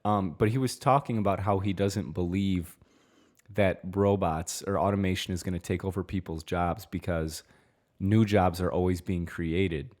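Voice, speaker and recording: Deep-voiced laid-back man chatting. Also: fairly even intonation, moderate pace, a little mellow. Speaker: podcast co-host. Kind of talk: casual chat.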